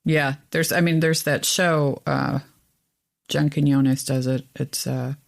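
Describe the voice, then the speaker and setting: A woman co-hosting a podcast, chatting casually and telling stories with lively, exasperated pitch jumps. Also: slow pace, vocal fry. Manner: animated storyteller, rises in pitch when exasperated. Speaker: podcast co-host. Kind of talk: casual chat.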